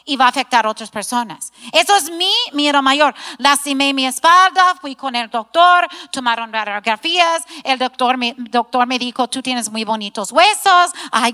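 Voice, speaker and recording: Middle-aged woman preacher, high-pitched, emphatic, recorded in a reverberant church hall. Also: sharp tone. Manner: earnest, self-deprecating, emphatic preaching. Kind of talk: sermon to a women's gathering.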